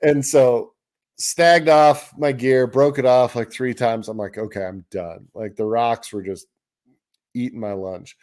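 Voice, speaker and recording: A man co-hosting a fishing talk show, his pitch sitting in a middle range. He tells a long story in a relaxed, chatty way and brings it to life by acting out what people said. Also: a little slow. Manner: animated storyteller, acts out quotes, laughs while telling. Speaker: podcast co-host. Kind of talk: casual storytelling chat.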